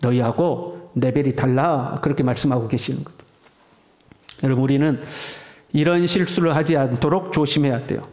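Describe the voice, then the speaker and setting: A man's voice: medium pitch, moderate pace, a little mellow. A male pastor preaching a conversational sermon, acting out everyday quarrels for his congregation.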